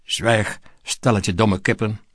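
A man voicing a furious, bullying male president who snarls and shouts insults, with a dry, close sound. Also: lowish voice, steady tone, slow, dry recording.

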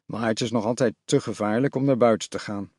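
A man reading a story aloud, giving the lines of a calm father in a low, steady voice. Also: brisk, slightly rough, no room sound, clean studio sound. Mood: reassuring.

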